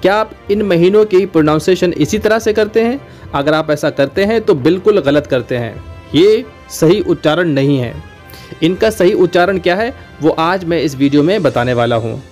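A man's voice: fairly high pitch, animated, moderate pace, a little mellow, faint music behind. A man, an English trainer teaching pronunciation in a video lesson, explaining patiently and repeating example words.

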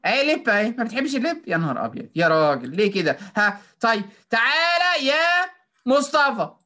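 Egyptian woman teacher on a video call, bright and encouraging, mixes English into her Arabic. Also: on the high side, sing-song, brisk. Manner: coaxing and praising, mixing in English words. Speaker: phonics teacher for children. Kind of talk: online class drilling children.

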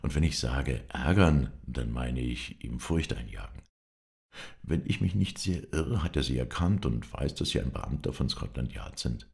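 A man's voice: a bass voice, lively intonation, a little slow, vocal fry, a little mellow, heavily acted. A man voicing a talkative, teasing young English lord in a storybook reading. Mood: chatty.

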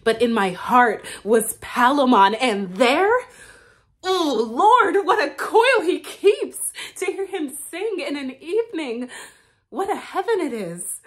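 A lovesick young maiden from a classical stage comedy, acted by a young woman. Her delivery is theatrical and slow, with dramatic pauses. Her pitch swings widely as she swells and softens. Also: expressive. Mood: rapturous. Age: young adult. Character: lovesick young jailer's daughter in a classical play. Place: indoor studio with plain backdrop.

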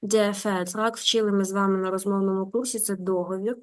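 A woman teaching German online. She reads a story aloud slowly and translates it with quick explanatory asides. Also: medium pitch, fairly even intonation.

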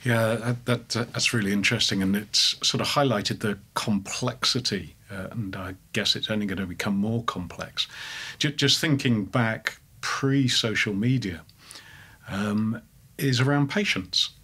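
A man with a low, husky voice speaks in a measured, reflective way. His tone is bright and somewhat tense. He pauses and restarts as he thinks aloud. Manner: measured, hesitant, with fillers and restarts. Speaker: head of a dental school, interviewer. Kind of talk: thoughtful discussion.

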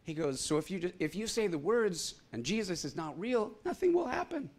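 Animated man telling a sermon story. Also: a little high, normal speed. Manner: animated storyteller acting out quoted voices. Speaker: preacher. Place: church.

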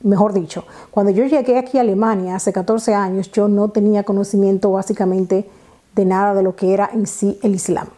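A woman's voice: medium pitch, steady tone, a little fast, warm tone. A woman in her thirties from the Dominican Republic with a Dominican Spanish accent, telling a story to camera in a casual, chatty way with many fillers and restarts, recorded on a lapel mic in her living room. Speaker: vlogger. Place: living room at home, indoors.

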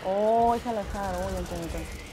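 A woman commentating a co-op game, excited, repeating callouts rapidly. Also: mid-range voice. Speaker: gamer. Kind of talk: co-op gameplay commentary. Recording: game noise behind the voice.

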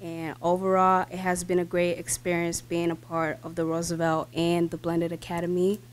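Speaking in a monotone at normal speed, this teenage girl has a lowish voice. She's a student reading her prepared speech from notes into a podium mic at a school board meeting, using fillers and restarting at times.

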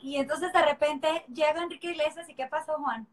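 A woman's voice: high voice, fairly even intonation, slight background noise, poor audio. A Mexican woman in her thirties hosting a live stream, chatting playfully and laughing often. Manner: playful, teasing, quick to laugh. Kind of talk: casual chat on a live video call.

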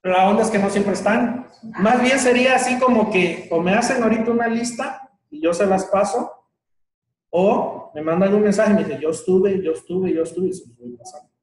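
A man's voice: high voice, moderate pace. A man with a Mexican accent leading a group workshop in a casual, chatty way, laughing now and then between remarks. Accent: Mexican Spanish. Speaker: workshop leader. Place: indoor room with a group. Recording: echoey room, distant mic.

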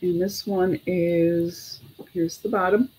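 Unhurried middle-aged woman, casual auctioneer. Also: lowish voice, fairly even intonation, dark tone, a little hiss or hum, poor audio. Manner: informal auctioneer, calling bids and prices between chatty asides; unhurried, with pauses. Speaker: online auction host selling vintage glass. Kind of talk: casual live-sale chat. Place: small home room, indoors.

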